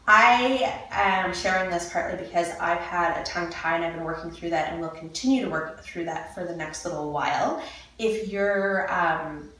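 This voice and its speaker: A woman movement coach with a slightly low voice talks through a relaxed lesson and draws out mouth sounds slowly to demonstrate them. She is recorded from a distance in a strongly echoing room. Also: slight background noise. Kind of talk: casual instructional talk. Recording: echoey room, mic at a distance.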